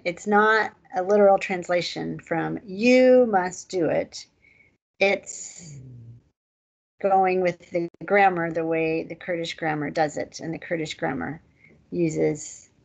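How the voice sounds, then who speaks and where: Woman teaching a language class, slow and patient, kinda low gravelly voice. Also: rough recording. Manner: patient, explains step by step with short laughs. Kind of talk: online language lesson.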